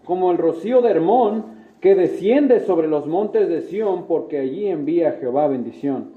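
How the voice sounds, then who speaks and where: A man's voice: a little high, animated, moderate pace. A man preaching a sermon as pastor, earnest, often turning to his listeners with "¿verdad?". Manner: earnest, addresses listeners as brothers, frequent "¿verdad?". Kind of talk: sermon with prayer. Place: church sanctuary. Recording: echoey church room, tinny phone-like sound.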